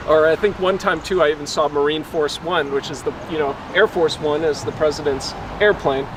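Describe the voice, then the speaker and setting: A man, a local resident, chatting casually and explaining at length, relaxed and full of fillers like "like" and "you know". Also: fairly high pitch. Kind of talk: casual chat. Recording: outdoor street recording with traffic noise.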